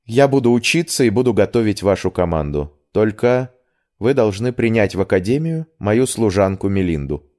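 A man's voice: fairly low pitch, expressive, normal speed, a little mellow, pitched above the performer's own voice, natural voice. A man voicing a proud, upset young noble heroine in an audiobook, speaking in emotional, pleading questions. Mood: determined.

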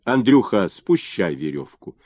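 A man voicing a coarse, brutal peasant executioner who speaks roughly and gruffly. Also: lowish voice, very animated, unhurried, a little mellow, no room sound. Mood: hoarse menace.

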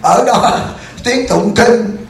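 A man's voice: very high-pitched, slow, gravelly, exaggerated voice. A man voicing the Buddha Amitabha as a weary old male deity who complains with exasperation in an echoey hall. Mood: lamenting. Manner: lamenting, exasperated, half-joking.

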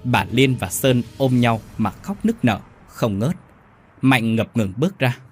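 A man narrating a ghost story in a dramatic, expressive reading. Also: mid-range voice, unhurried, breathy edge, faint music behind.

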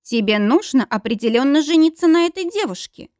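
A tearful, overjoyed man, as a woman narrator puts him on, sobbing with happiness in a high, swooping voice. The recording is dry and close. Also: lively intonation, brisk, a little mellow, dry recording. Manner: sobbing, breathless with joy.

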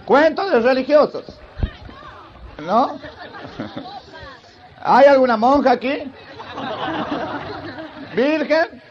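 A man's voice: extremely high pitch, animated. A man with a Santiago del Estero accent, telling bawdy jokes live on stage and acting out the characters. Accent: Santiago del Estero Argentine Spanish. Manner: bawdy, rapid joke-teller who acts out characters and banters with the crowd. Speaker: stand-up comedian. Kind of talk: live stand-up joke telling. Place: live venue with an audience. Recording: dull live recording with crowd and noise. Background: audience laughter.

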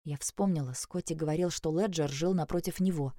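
A woman with a low voice reads a first-person audiobook, her telling tense and anxious. The recording is dry and close, with no room sound. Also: fairly quick, mellow, no room sound. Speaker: audiobook narrator.

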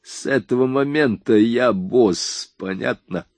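A man's voice: mid-range voice, takes it slowly, dry recording. A man reading an audiobook voices a hardened young man who gives curt, commanding orders. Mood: cold. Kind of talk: audiobook dialogue.

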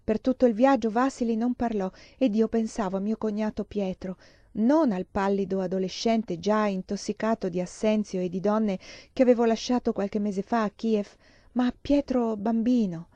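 A woman reading a novel aloud in a measured storytelling manner. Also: mid-range voice, fairly even intonation, mellow, no room sound, muffled recording. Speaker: reader.

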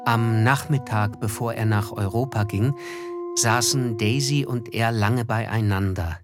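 Over music, a man with a natural, medium-pitched voice acts as a reflective, melancholy narrator looking back. His telling of the literary radio drama comes in measured, thoughtful phrases.

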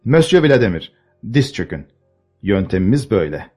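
A man voicing a sardonic older gentleman in a storybook, slightly raised and pointed as he mocks a young guest. His tone is dry and teasing, with faint music in the background. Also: on the low side, big pitch swings, normal speed. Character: mocking older man, master of ceremonies.

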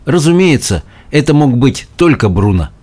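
A man reading a children's story aloud in the first person, with an expressive, animated delivery. His voice sits at an ordinary middle pitch but moves a lot. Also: normal speed. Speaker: audiobook reader.

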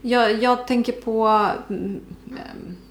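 A woman's voice: on the high side, steady tone, a little hiss or hum. A young woman with an Uppsala Swedish accent, co-hosting a podcast and telling stories casually, with many fillers and acted-out quotes. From Sweden. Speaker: podcast co-host. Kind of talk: casual chat. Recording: roomy echo.

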